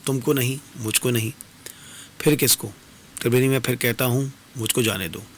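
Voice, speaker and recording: A man voicing a flustered, guilt-ridden male guest who pleads and apologizes in a hurried way. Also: medium pitch, fairly even intonation, slight background noise, close to an everyday voice. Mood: pleading.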